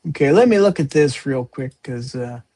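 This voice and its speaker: A man's voice: medium pitch, expressive, dark tone. A man hosting a live podcast panel, chatting casually while showing viewer clips. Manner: quick, chatty, sharing screen clips. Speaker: podcast host.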